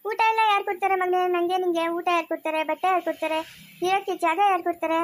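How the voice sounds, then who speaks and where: A doting young mother in a homemade family drama, played by a woman. Her voice is very high and she talks quickly, coaxing and repeating affectionate pet names. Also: steady tone. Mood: playful. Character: loving young mother, soothing and playful. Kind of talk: amateur family drama acting.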